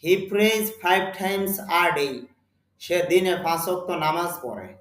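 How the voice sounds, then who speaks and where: Slow, echoey Bengali-accented male English teacher. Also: sits high, animated, fairly bright tone. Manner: slow, deliberate, repeats words for students. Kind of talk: spoken English lesson.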